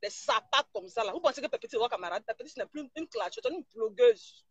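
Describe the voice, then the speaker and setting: A woman's voice: a little high, lively intonation, brisk, breathy edge, no room sound. A woman blogger, ranting mockingly and insulting someone during a live stream. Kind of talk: live-stream gossip rant.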